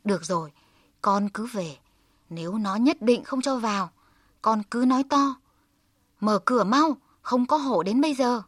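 A woman's voice: fairly high pitch, a little slow, pauses often, dry recording, clean studio sound. A woman voicing a tiger who acts as a caring father, in a stern, protective storybook voice.

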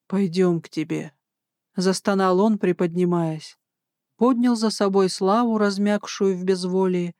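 An audiobook narrator reading a romance novel in even, scripted narration. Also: medium pitch, clean tone, no room sound, clean studio sound.

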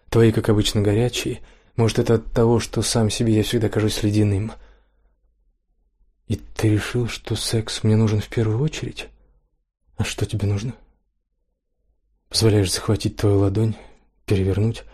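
A man reading an intimate first-person story aloud in a quiet, hushed way. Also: on the low side, breathy edge.

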